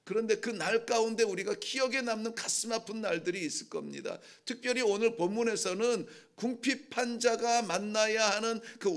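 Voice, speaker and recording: A man preaches an early-morning sermon with a high, gravelly voice. His talk is conversational and earnest, and he slips into the voices of the people who plead in his text. The rasp of his high voice runs through every line. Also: a bit bright. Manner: conversational preaching that acts out heartfelt pleas in voices. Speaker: pastor.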